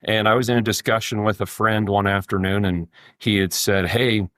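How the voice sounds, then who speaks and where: A man in his forties speaks as a podcast guest, measured and deliberate in his phrasing. His voice is very deep, and it sounds close and dry. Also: little pitch movement, fairly bright tone, no room sound. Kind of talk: casual interview.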